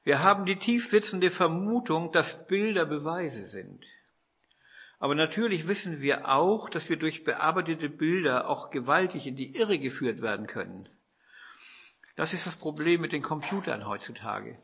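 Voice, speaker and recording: A man's voice: a little high, lively intonation, moderate pace, a bit bright, slightly rough, muffled recording. A man from northern Germany preaching a sermon, telling stories with rhetorical questions and quoted dialogue.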